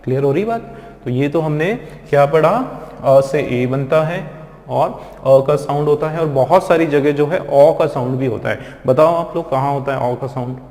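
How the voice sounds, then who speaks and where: A man's voice: fairly high pitch, moderate pace, darkish tone. Man teaching in an echoey room. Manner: explains step by step, often asks the class questions. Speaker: spoken English teacher. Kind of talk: classroom lesson explaining pronunciation. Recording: echoey room with long reverb.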